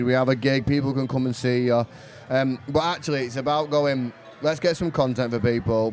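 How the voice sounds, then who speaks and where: A man with a Bradford Yorkshire accent hosting a podcast in a relaxed, chatty way, laughing easily. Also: mid-range voice. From Yorkshire, England. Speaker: podcast host. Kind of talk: casual chat. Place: venue bar.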